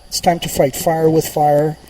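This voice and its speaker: A man with a fairly high-pitched voice hosts a political radio monologue. He talks emphatically and insistently, pressing each point and repeating himself to drive it home. A faint hum of noise sits under the voice. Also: level tone, a little slow, dark tone, poor audio. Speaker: radio show host.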